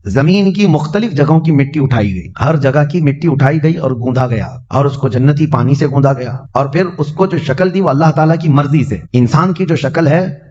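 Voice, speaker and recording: A man preaching a Ramadan night sermon, telling stories and chanting scripture verses in a slow, drawn-out way. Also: on the high side, dark tone, lo-fi sound. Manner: storytelling, chants Quranic verses slowly.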